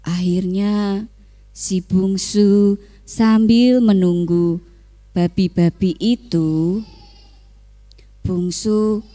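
A woman telling a Bible story to Sunday school children and quizzing them. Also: mid-range voice. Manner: animated, asks children questions.

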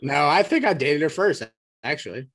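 A man's voice: a little high, expressive, normal speed, a bit bright. A young man co-hosting a podcast, telling stories and teasing his friends. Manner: teasing, tells stories with a laugh. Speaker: podcast co-host. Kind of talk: casual storytelling chat.

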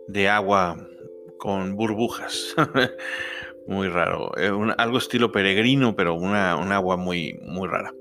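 A young Mexican man with a Mexican accent, telling a personal travel story in a relaxed, chatty way with many fillers. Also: on the low side. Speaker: podcast storyteller. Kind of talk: first-person travel anecdote.

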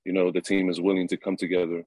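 A low-pitched New Zealand rugby player in his twenties answers interview questions in a relaxed, halting way. He fills the gaps with lots of fillers and chuckles, and the recording is dry.

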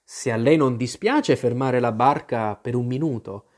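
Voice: mid-range voice, a little slow, a little mellow, close to an everyday voice. A reader voicing a polite, curious little girl in a storybook reading. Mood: earnest. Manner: polite and earnest.

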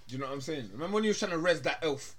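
A man's voice: fairly high pitch, expressive, very fast, fairly bright tone. A young man with a London roadman accent bantering casually as a podcast co-host, slangy and often repeating himself. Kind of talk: casual banter among friends.

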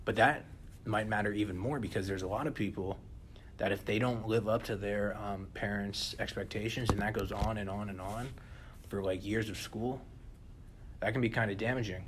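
A young man co-hosting a podcast in casual chat, animated and often turning to listeners with "listen". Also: fairly low pitch, moderate pace, noisy background. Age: young adult. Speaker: podcast co-host.

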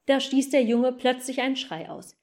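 High-voiced woman reading a storybook. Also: lively intonation, moderate pace, darkish tone. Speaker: reader.

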